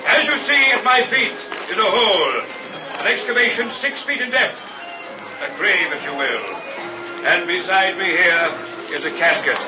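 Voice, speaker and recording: A high male voice acted by a man plays a slick carnival hypnotist, grandiose and coaxing. It is vintage radio drama, dull in sound, with music behind it. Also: moderate pace, lightly acted. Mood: grand, coaxing. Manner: grandiose showman patter, insistent. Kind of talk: old-time radio drama acting.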